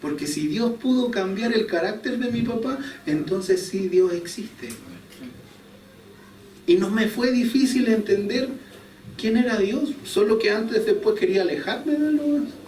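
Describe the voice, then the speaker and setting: A young Chilean man preaches a sermon in a church hall, telling stories conversationally and chuckling at himself. His voice sits high and is a little slow and mellow. The echoey room, distant mic, and slight background noise color the recording.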